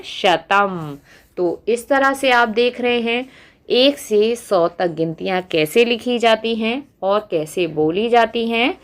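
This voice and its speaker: A woman teacher speaks at a very unhurried pace, drawing out each word as she recites. She stops now and then to put questions to her viewers, her pitch sitting in an ordinary middle range. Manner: slow, deliberate recitation, quizzing the viewer. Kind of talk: classroom lesson.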